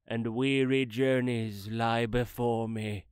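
An actor playing the solemn ghost of a dead old businessman who speaks in slow, grave, mournful pronouncements. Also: mid-range voice, steady tone, clear, resonant tone, no room sound, clean studio sound, natural voice. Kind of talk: dramatized classic story reading.

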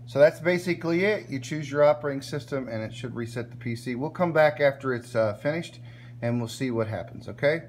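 Male tech-tutorial host, mid voice, unhurried off-camera explainer, light background hum. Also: medium pitch. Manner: relaxed, plain, repeats "okay?" to check in. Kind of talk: step-by-step screen tutorial. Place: indoors at a workbench filming a laptop screen.

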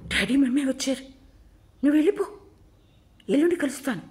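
Woman doing a fierce teen girl yelling back at her folks, loud and sharp. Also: on the low side, expressive, normal speed, close to an everyday voice. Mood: defiant. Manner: shouting back in anger. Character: defiant rebellious teenage girl Shabari.

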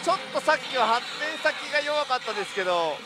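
A man giving excitable live play-by-play commentary on a pachinko game, speaking into a headset mic. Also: extremely high pitch, quick pace. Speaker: pachinko show host. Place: busy pachinko hall, indoors. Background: loud game-machine music.

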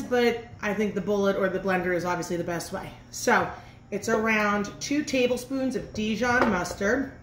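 In a mid-range voice, a chef in her thirties keeps up bubbly, chatty instructions laced with fillers while cooking at home. A camera set in front at mid-distance records her amid roomy echo, music and a little hiss or hum.

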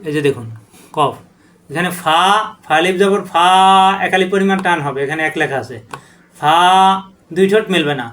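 A man with a noticeably high voice leads a letter-by-letter recitation lesson. He draws each letter name out in a long chant, then drops into short spoken explanations of how to say it. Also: normal speed, a bit bright, slight background noise. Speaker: Quran reading teacher.

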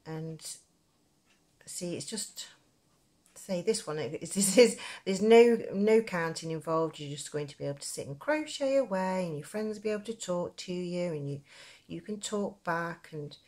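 A woman from Nottingham, England, with a matching accent, presents a crochet tutorial in a chatty, rambling, informal style. Her voice sits on the low side, expressive and a little mellow, at a moderate pace.

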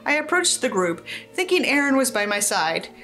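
A young woman, a book reviewer and host in front of a tinsel backdrop indoors, reads a novel aloud with sarcastic, sweary commentary. Her voice sits high with big pitch swings at a moderate pace and a sharp tone, acting out dialogue in raised tones theatrically over faint music.

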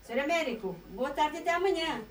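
Lively Portuguese radio presenter woman. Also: high voice, fast, echoey room, far from the mic, low-quality recording. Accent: European Portuguese. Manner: lively, affirming, takes listener calls. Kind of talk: local radio interview. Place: small radio studio. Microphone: studio mic with headphones.

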